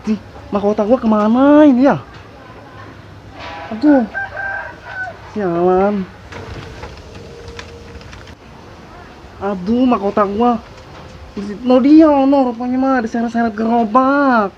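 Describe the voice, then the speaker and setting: A man's voice: extremely high pitch, unhurried, pauses often, muffled recording, slight background noise. A man playing a sassy, quarrelsome drag-queen busker in a comedy skit, complaining whinily with a Jakarta Betawi accent. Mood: indignant, whiny.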